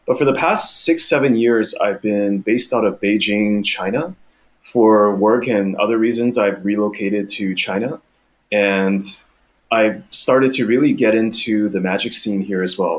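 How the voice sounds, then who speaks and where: Man, thirties, Mandarin speaker, deeper voice, podcast guest, explanatory, restarts often. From Taiwan, raised in Canada. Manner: measured, explanatory, with frequent restarts. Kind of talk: casual conversational interview.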